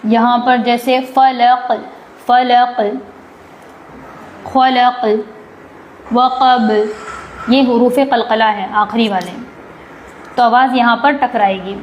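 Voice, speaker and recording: A woman teaching a live online Quran recitation class. She recites slowly and drawn out, asks her class questions and answers them herself, and explains quickly in between. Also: on the high side, steady tone, dull audio, a little hiss or hum. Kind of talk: live online tajweed lesson.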